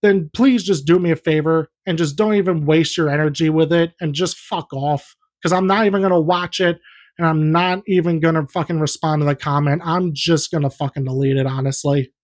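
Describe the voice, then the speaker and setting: A man's voice: fairly high pitch, steady tone, a little fast. A young man giving a heated, profane, rambling movie review in a casual vlog. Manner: heated, profane, repetitive ranting.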